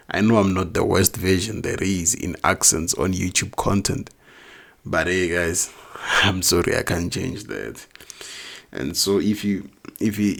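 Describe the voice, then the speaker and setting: An adult man, not young, with a non-native English accent teaches a recorded math lesson step by step, asking questions and then answering them himself. His voice is low with vocal fry.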